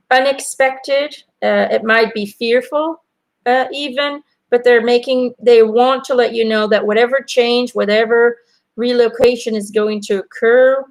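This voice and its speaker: A chatty Belgian woman with American-sounding English does an angel card reading on a live stream, hesitantly repeating names and phrases. Her voice is gravelly and on the high side, and the webcam microphone gives poor audio.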